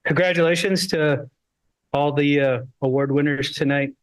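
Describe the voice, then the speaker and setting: A man's voice: on the high side, fairly even intonation, moderate pace, rough recording. A man school board member giving casual, conversational congratulations at a meeting. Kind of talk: informal remarks at a board meeting.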